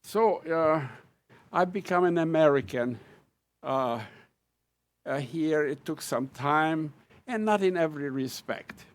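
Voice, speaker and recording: This older professor from Hungary, about to retire, has a slightly high, expressive voice and a Hungarian accent. He talks slowly and pauses often while sharing wry, self-mocking anecdotes about his life with a lecture crowd.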